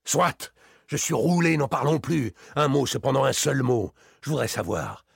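Man putting on a shrill, raging thief. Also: lively intonation, normal speed, slightly rough, no echo, clean studio sound. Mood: furious. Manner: shrill, stammering with rage. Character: furious desperate male thief, older brother. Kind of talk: audiobook character reading.

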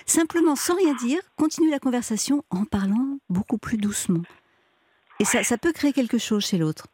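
Patient female radio host giving advice, warm mellow tone, fairly high. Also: moderate pace, husky, dry recording. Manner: calm, patient, explanatory. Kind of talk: call-in advice show.

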